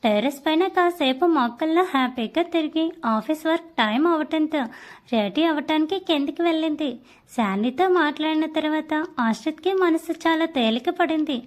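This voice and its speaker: A woman narrating a story for an audiobook with a gentle, expressive reading. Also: high voice, moderate pace.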